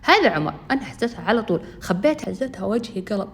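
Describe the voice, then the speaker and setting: A woman's voice: mid-range voice, very fast, a little hiss or hum. A young woman telling a first-person story, chatting directly to her listeners.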